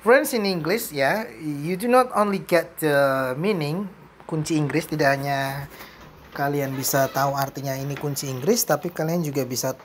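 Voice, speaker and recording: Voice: medium pitch, moderate pace, slight background noise. Indonesian-accented teacher mixing English and Indonesian. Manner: switches between English and Indonesian, playful asides. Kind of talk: bilingual vocabulary lesson.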